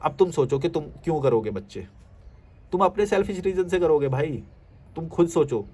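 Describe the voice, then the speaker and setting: A man holds forth in a casual rant aimed at his viewers' comments. His voice sits a little high, and he talks bluntly and mockingly, with coarse words and a steady stream of pointed rhetorical questions. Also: normal speed, husky. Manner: argues directly at the listener, rhetorical questions. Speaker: social media commentator.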